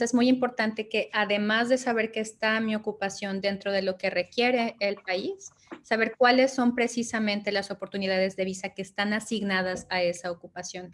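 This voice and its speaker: A woman advising on migration in an interview, answering methodically and checking in with short tag questions. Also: mid-range voice. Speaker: migration and study-abroad advisor.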